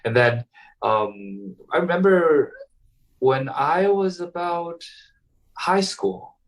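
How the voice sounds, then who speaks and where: Heard from afar, this guest violinist from Taiwan is a young man whose slightly high voice moves slowly with lively intonation. He replies to interview questions in a casual, halting way, stumbling through many fillers and restarts.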